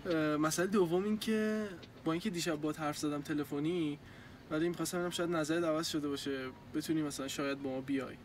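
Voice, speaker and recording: A man's voice: on the high side, fairly even intonation, slight background noise, natural voice. An actor playing a young man who politely and hesitantly asks friends to join his band. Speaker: musician putting a band together.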